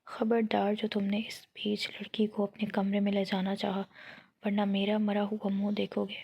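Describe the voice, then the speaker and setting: A woman's voice: mid-range voice, completely flat delivery, gravelly, a little mellow, slightly rough. Woman reading as a stern old grandmother. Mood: scolding. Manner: scolding, commanding. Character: stern elderly grandmother, domineering household matriarch.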